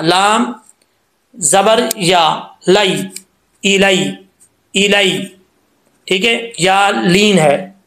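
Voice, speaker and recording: A man teaches Quran recitation, drawing out syllables and repeating them patiently. His voice sits high, and it rings around a reverberant room. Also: fairly bright tone. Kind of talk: tajweed lesson explaining letter sounds.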